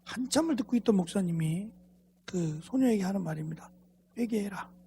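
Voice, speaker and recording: A pastor telling a story in a sermon, dramatic and often dropping to hushed near-whispers, in a church sanctuary. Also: male voice, high-pitched, lively intonation, a little fast, vocal fry, a little hiss or hum. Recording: long hall reverb.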